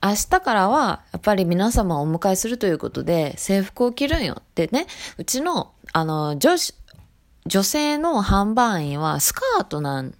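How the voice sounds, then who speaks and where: A woman with a Hiroshima accent chatting casually on her voice blog as a shop salesperson, relaxed and talkative. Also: medium pitch, normal speed. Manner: chatty and relaxed, dialect thickening as she loosens up.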